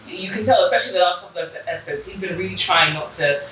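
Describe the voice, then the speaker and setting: A woman guest in a casual chat, lively and expressive, with quick reactions. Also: on the low side, a little hiss or hum. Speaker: podcast guest. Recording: echoey room, from far off.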